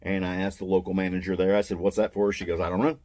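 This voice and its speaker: Older man, low voice, plain-spoken and aggrieved, casual rambling storyteller. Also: little pitch movement, quick pace, dark tone. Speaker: mall booth vendor. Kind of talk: casual first-person storytelling.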